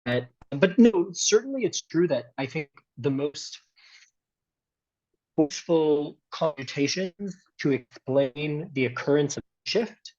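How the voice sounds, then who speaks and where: A man's voice: on the high side, lively intonation, takes it slowly, darkish tone, dull audio. A man with an American accent giving an academic math seminar talk, hesitant, with many fillers and restarts. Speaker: seminar speaker.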